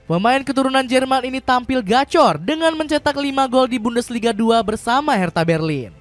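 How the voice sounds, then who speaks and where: A woman narrating scripted football news as a voice-over, in a steady read-aloud delivery that drops in pitch at sentence ends. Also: brisk, soft background music.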